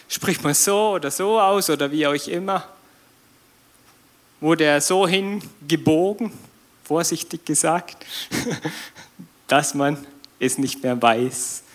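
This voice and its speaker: Guy preaching, high bright voice, slow and chatty, gets loud for emphasis. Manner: lively, conversational preaching with slang and sudden loud emphasis. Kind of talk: sermon.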